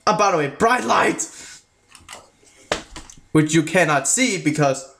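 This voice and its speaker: A man talks through a video review in a loose, casual way, stopping and restarting his sentences as he goes. His voice sits high for a man and he speaks slowly. His vowels drift between American and British. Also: expressive, creaky, fairly bright tone, a little hiss or hum. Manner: halting, restarts sentences often; mixes American and British sounds.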